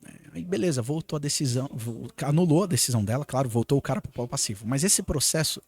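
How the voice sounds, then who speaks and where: Husky Brazilian man telling a story. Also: medium pitch, fast talker, faint music behind. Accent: Brazilian Portuguese. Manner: animated, acts out quoted dialogue. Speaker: lawyer guest. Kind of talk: casual podcast storytelling.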